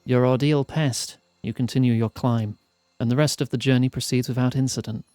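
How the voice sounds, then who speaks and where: A man streaming a fantasy role-playing game, reading its text aloud in measured storytelling style and chatting between passages. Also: mid-range voice, steady tone, mellow, no echo, soft background music.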